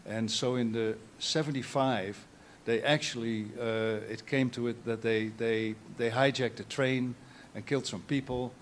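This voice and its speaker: An older man from the Netherlands with a Dutch accent, speaking at a panel talk in a meandering way, restarting phrases and clearing his throat. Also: medium pitch, steady tone, a little slow, few pauses, slight background noise. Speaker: photographer, guest artist.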